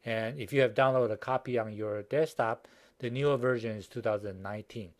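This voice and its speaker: A man teaching a recorded university lecture, speaking haltingly with many fillers and restarts and a Chinese accent. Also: mid-range voice. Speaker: university professor.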